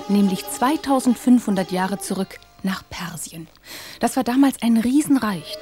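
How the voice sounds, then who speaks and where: Woman host of kids radio show, warm mellow tone, scripted intro, bit of music. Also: mid-range voice. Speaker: children's radio show presenter.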